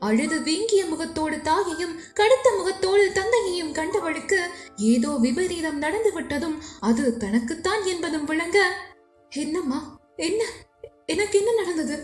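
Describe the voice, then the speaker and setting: A young woman with a Sri Lankan Tamil accent, narrating a novel chapter in a dramatic, emotive way. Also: very high voice. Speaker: storyteller. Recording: echoey room with faint music.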